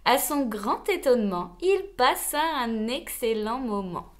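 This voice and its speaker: A woman reading a children's storybook aloud, slow, expressive and gentle. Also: on the high side, slight background noise.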